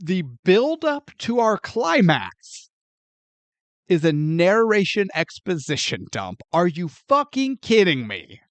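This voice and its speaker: A man's voice: high-pitched, takes it slowly, no room sound. Incredulous man recapping a movie. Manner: animated, profane, incredulous plot recap. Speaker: podcast co-host. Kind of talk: casual movie review chat.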